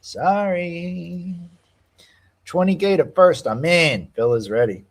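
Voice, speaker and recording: A man's voice: fairly high pitch, takes it slowly. A man hosting a casual live stream, chatting, thanking donors and reacting to fights. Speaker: stream host.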